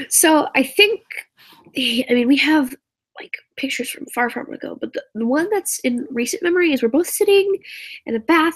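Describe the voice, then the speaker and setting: Chatting casually on a live stream, a teen girl from Indiana giggles through rambling talk full of asides and fillers. Her high voice has vocal fry, and the recording sounds rough.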